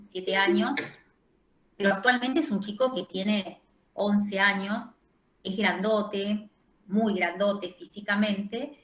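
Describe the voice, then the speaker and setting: Woman lecturer, Rioplatense accent, mid-pitched, roomy echo, halting explanations. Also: fairly bright tone. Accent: Rioplatense Spanish. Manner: explanatory, hesitant with frequent fillers. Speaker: university lecturer. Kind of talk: online class lecture.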